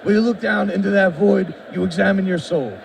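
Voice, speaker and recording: On a busy expo show floor, a man who made the game jokes his way through someone's live demo in wrestling-announcer style. The voice is high and gravelly with a steady tone and brisk delivery, recorded from afar over the crowd.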